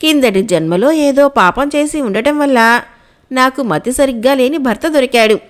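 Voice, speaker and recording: A woman's voice: high voice, normal speed, natural voice. A woman voicing a scheming landlord's wife who persuades her servant in a storybook tale. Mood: coaxing. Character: scheming zamindar's wife, middle-aged woman.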